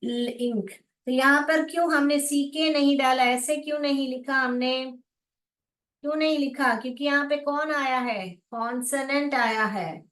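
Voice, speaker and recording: A woman teaching an online phonics class, repeating sounds slowly and coaxing her students. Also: high voice, steady tone, a bit bright, far from the mic. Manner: slow, repetitive, coaxing, calls students beta. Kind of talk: live class explanation to students. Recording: echoey room, voice off-mic.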